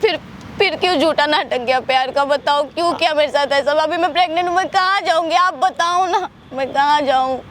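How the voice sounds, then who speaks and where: A woman's voice: sits high, brisk, fairly bright tone, slight background noise. A woman playing a desperate pregnant young woman who tearfully pleads with her lover not to leave, in a staged prank drama in an outdoor city park. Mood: pleading. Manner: pleading, tearful, repeating "please don't".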